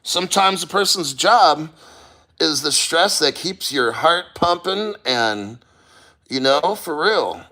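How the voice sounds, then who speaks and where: A man chatting casually on a livestream, blunt and sweary, with halting, strained delivery and throat-clearing as he endures cold. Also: a little high, expressive, bright, forceful tone. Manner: halting, sighing, throat-clearing while enduring icy water. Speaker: livestreamer reading viewer comments.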